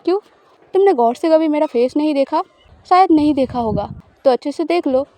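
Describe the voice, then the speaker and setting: A woman's high, gentle, mellow voice brings to life a smug young spouse in an audio story, possessive and teasing, smiling through her coaxing. She delivers it briskly and expressively.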